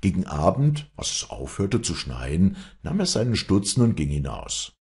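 Male audiobook narrator, deep voice with gravel, lively delivery. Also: normal speed. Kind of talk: scripted narration.

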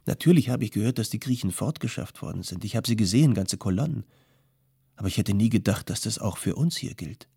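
A man's voice: lowish voice, animated, a little fast, vocal fry, warm tone, slightly rough, no echo, clean studio sound, heavily acted. A male audiobook reader voicing a young former bandit, wistful and uneasy, asking earnest, anxious questions. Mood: shaken. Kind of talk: audiobook character voice.

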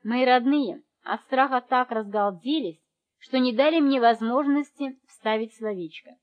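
Woman narrating a lively audiobook. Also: fairly high pitch, unhurried. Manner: lively, acting out the family's voices. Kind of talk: scripted narration. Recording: dull lo-fi recording.

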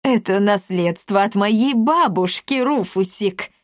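A woman voicing a loud, hot-tempered female commandant who shouts and coos by turns. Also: medium pitch, slow pace, no echo, clean studio sound, lightly acted. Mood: cooing. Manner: shouting, then cooing sweetly.

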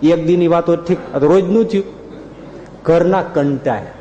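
Animated storytelling preacher, man. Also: on the high side, moderate pace, a little hiss or hum. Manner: lively, rising to loud animated peaks. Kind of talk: storytelling sermon. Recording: reverberant hall, dull lo-fi sound.

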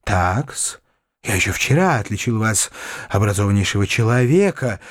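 A fawning, nervous young gentleman , as a male reader puts him on, pleading and ingratiating as his voice jumps from low to high. The audiobook recording is dry and close. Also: big pitch swings, normal speed, no echo.

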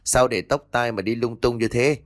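A man voicing the lady of a wealthy house, gently scolding and comforting her daughter. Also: mid-range voice, steady tone, normal speed, no echo, clean studio sound, lightly acted. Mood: gentle.

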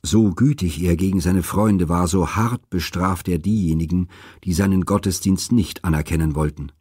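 A man narrating classical myths as an audiobook reader, with a steady, expressive delivery. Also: deep voice, moderate pace, husky, dry recording, clean studio sound.

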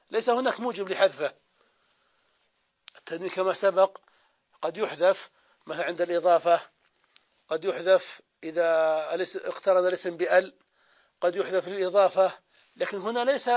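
Saudi man teaching grammar, high voice. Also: dull audio. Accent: Saudi Arabian. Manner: explains step by step, asking and answering his own questions; drawls out example words slowly. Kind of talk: classroom grammar lesson.

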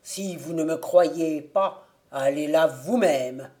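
A woman's voice: low voice, slow, dark tone. A woman reading a storybook aloud and voicing a wounded male robber who dramatically complains about what he suffered. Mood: aggrieved. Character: battered male robber exaggerating his wounds.

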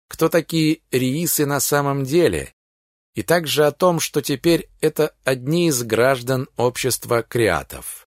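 A man narrating a science-fiction audiobook in steady first-person storytelling, recorded close on a studio mic. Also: on the high side, dry recording.

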